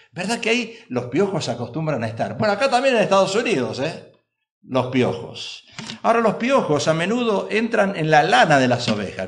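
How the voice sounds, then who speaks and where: A male pastor preaching a sermon in a church, emphatic and full of rhetorical questions to the congregation. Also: mid-range voice.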